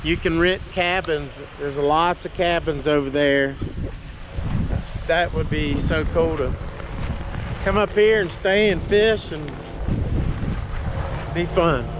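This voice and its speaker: A middle-aged man narrating a casual travel vlog outdoors and from his car, filmed on a camera held at arm's length. He talks in a relaxed, unhurried way, with many fillers. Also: on the high side. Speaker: travel vlogger. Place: outdoors on windy overlooks and inside a moving car. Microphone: action camera held at arm's length. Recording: loud wind and road noise.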